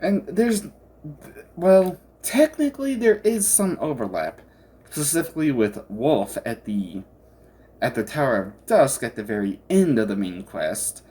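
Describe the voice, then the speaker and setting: This is a casual game commentator who rambles through thoughts in a halting way. The pitch is lively and swings widely. Sentences often trail off and get picked up again, as in an unscripted discussion.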